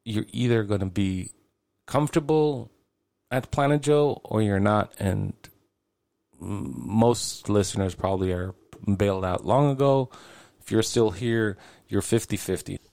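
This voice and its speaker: A man's voice: lowish voice, measured pace, creaky, a little mellow, no room sound. A man in his late forties hosting his own podcast, talking alone in a rambling, casual way and swearing freely. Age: 40s. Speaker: podcast host. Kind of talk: casual solo podcast monologue.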